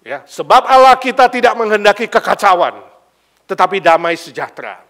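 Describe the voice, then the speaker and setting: A man from Indonesia preaching as a pastor, his voice riding high and swinging widely up and down. He tells his stories with animation, acting out the people in them and mixing in English and casual slang. His tone is bright and forceful. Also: sing-song, normal speed. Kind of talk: sermon with anecdotal storytelling.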